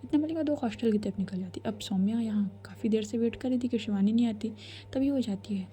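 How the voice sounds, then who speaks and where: A woman storyteller who tells the story in a casual, chatty way, her voice soft and at times close to a whisper. Her voice is fairly high and sharp-edged, not mellow. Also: fast talker.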